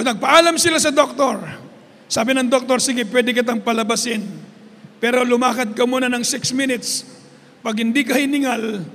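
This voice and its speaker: A man's voice: very high-pitched, pushed and bright. A Filipino man preaching a sermon, mixing Tagalog and English and repeating a fond refrain to the congregation. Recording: hall reverb.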